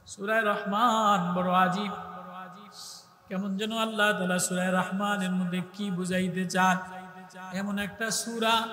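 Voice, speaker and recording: Impassioned high-voiced preacher with booming echo. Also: male voice, pushed and bright. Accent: Bangladeshi regional Bengali. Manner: impassioned, repeats lines in a rising sing-song cadence. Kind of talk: Bengali waz sermon with sung chanting. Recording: echoey hall-like PA reverb.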